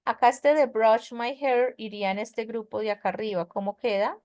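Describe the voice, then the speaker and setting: A woman's voice: fairly high pitch, normal speed, a little mellow, no echo, studio quality. A woman teaching an English grammar class online, explaining patiently and checking with her students as she goes. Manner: patient, explains step by step with many checking questions. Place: online web conference class.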